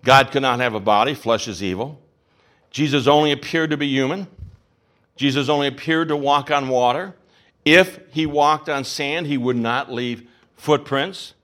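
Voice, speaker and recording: A pastor teaching a sermon, asking rhetorical questions and repeating phrases for emphasis. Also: male voice, medium pitch, normal speed, fairly bright tone.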